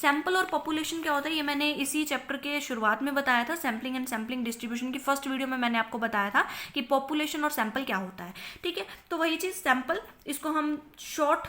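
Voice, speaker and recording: A woman's voice: sits high, fast talker, few pauses, a bit bright. A young woman with an Indian accent, a commerce teacher giving a recorded lecture. She explains by asking and answering her own questions, repeats terms, and mixes English terms into Hindi.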